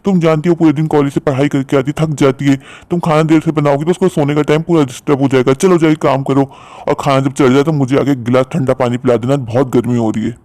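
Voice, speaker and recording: A man's voice: medium pitch, fairly even intonation, quick pace, a little mellow, dry recording, natural voice. A man voicing a stern young husband in a cartoon story, talking in a curt, lecturing way.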